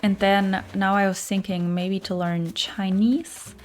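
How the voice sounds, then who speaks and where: Answering her viewers' messages on a livestream, this young woman with a German accent, from a German-speaking place, thinks aloud in a relaxed, chatty way full of fillers. Her mid-range voice holds a level tone at a measured pace while faint music plays.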